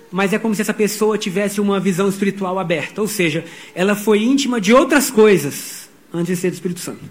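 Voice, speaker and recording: A middle-aged pastor with a high voice delivers a sermon. He tells stories with energy and voices the people in them. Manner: animated storytelling, voicing quotes.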